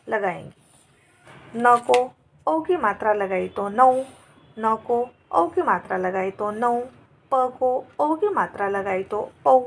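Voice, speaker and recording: A woman teaching a grammar lesson, sounding out examples one word at a time with patient, deliberate care. Her voice sits fairly high and has a husky, gravelly texture. She speaks very slowly. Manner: slow, patient word-by-word dictation.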